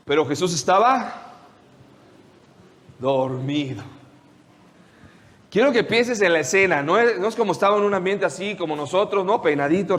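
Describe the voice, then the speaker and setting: A man preaching a sermon, retelling the story with lively questions to his listeners. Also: a little high, long reverb tail. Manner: animated storytelling, asks the audience questions.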